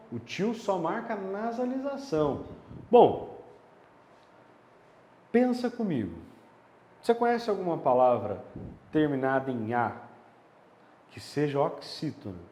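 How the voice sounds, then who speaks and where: A man's voice: fairly high pitch, very animated, unhurried, pauses often, mellow. A man teaching a grammar lesson, explaining step by step and checking in with rhetorical questions. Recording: echoey room with long reverb.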